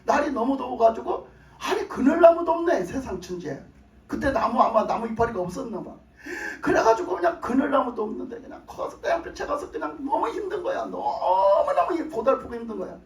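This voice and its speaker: A man preaching a sermon as a pastor, telling the story in an animated way and acting out the characters. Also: very high-pitched, brisk. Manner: animated storytelling, acts out voices. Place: church hall. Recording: echoey church hall from a distance.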